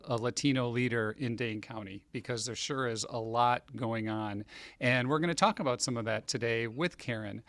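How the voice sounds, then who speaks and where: A podcast host who is also a county executive conducts a casual interview in a friendly, appreciative, easygoing manner. His medium-pitched voice has a fairly bright tone, captured in a clean, dry studio recording.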